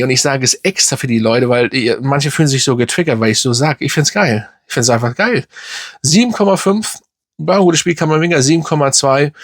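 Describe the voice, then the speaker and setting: A man's voice: mid-range voice, dry recording, studio quality. Frustrated German-speaking football fan man. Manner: frustrated, rambling with many fillers and restarts. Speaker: football fan channel host. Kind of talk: casual fan match reaction.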